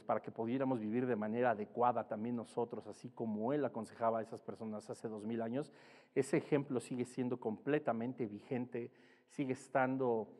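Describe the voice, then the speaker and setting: A man preaching a sermon, explaining Bible words slowly and rising in pitch and volume to stress his points. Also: warm tone. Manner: explains Greek words slowly, spelling them out. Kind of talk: sermon teaching. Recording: long reverb hall.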